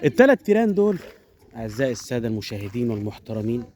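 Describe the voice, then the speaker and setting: A man with an Egyptian Arabic accent informally telling a traditional animal fable as a storyteller, animated and digressive, addressing his viewers directly. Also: mid-range voice, racing, a faint crowd.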